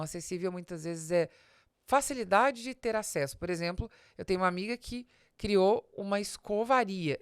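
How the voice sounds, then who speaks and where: In a clean, dry studio recording, a Brazilian business advisor who hosts a podcast speaks in a fairly low voice with a clean tone. Her talk explains business topics in a didactic way, addressing the listener head-on and using rhetorical questions.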